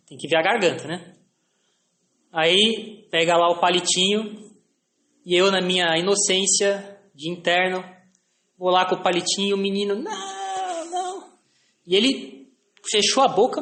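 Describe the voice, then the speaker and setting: High-voiced Brazilian man telling stories. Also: fairly bright tone, reverberant. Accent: Brazilian Portuguese. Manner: anecdotal, frequent tag questions, self-deprecating. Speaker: lecturer.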